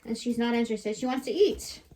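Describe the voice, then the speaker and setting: A woman's voice: mid-range voice, fairly even intonation, moderate pace. A woman homesteader talking casually to her camera while doing chores outdoors in the cold. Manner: chatty, talks while doing chores, laughs and sighs. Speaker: homesteader vlogger. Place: outdoors and in a chicken coop on a farm in extreme cold.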